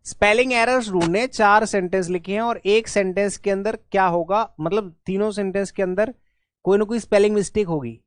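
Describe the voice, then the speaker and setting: A man's voice: high voice, a little fast, no echo. A man teaching an exam-prep English spelling lesson in Hindi mixed with English words, often checking in with his students.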